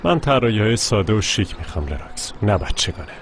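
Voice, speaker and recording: A man's voice: on the low side, very animated, background noise. A man voicing a strict, particular young boss in a dubbed film, speaking curtly and giving orders. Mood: stern. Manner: curt and commanding. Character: stern, fussy young male boss with an allergy.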